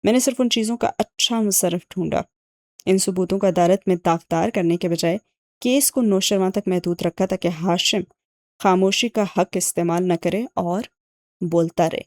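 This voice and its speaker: In a spoken audiobook, a woman narrator voices a sharp, sardonic young man with an ex-agent uncle, who explains himself with dry sarcasm. Her low voice is warm, mellow and natural, captured in a dry, close recording with no echo. The mood is wry.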